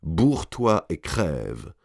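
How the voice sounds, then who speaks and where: A man reading an audiobook, voicing a young lady's maid who speaks with false gentleness and quiet spite. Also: low voice, wildly swooping pitch, takes it slowly, vocal fry, slightly rough, dry recording, clean studio sound, exaggerated voice. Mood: sly. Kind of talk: audiobook character voice.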